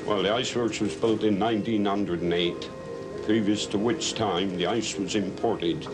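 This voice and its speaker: A man's voice: fairly low pitch, fairly even intonation, moderate pace, rough recording. Man explaining, music underneath. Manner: plain, matter-of-fact explaining. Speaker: ice works worker. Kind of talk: documentary interview.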